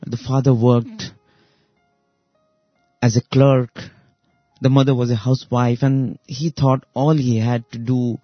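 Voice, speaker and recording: A man hosting a radio show, giving a reflective spiritual talk in a slow, deliberate way with long pauses. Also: medium pitch, steady tone, no echo, dull audio, faint music behind. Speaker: radio host.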